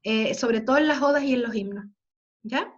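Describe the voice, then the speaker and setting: A woman teacher with a high voice leads an online class over dull, lo-fi video call audio. She explains patiently, point by point, and keeps checking with quick tag questions that everyone is following. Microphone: computer mic on a video call.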